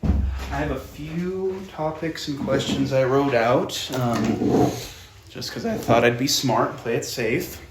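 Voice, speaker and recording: Chatty young podcast host in an echoey room. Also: male voice, mid-range voice. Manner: chatty, upbeat, quick to laugh. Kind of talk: casual podcast interview. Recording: echoey room with faint noise.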